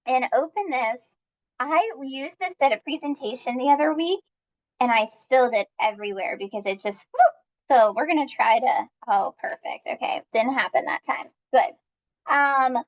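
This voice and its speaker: A woman's voice: sits high, muffled recording. A woman leading a live-streamed cooking class, upbeat and chatty as she talks viewers through each step.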